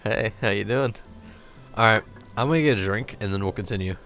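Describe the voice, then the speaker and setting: A man's voice: lowish voice, brisk, a bit bright, faint music behind. A man streaming a dating game, chatting casually, joking and swearing freely while narrating the story.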